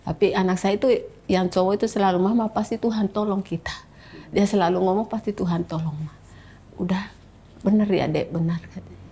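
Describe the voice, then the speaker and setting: A woman's voice: on the low side, fairly even intonation, fairly quick, dark tone, slightly rough. A woman telling her personal story in an interview, speaking to the host as "Kak" and acting out the voices of the people in her story. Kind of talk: emotional personal testimony in an interview.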